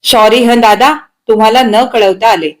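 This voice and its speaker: A woman's voice: fairly high pitch, animated, a little slow. A woman voicing a timid, polite writer. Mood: hesitant. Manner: hesitant and apologetic.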